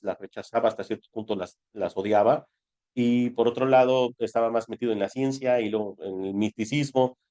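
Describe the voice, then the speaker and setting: A man with a mellow, medium-pitched voice and a Mexican Spanish accent teaches a casual spiritual lesson. His style is conversational: he asks rhetorical questions and then answers them.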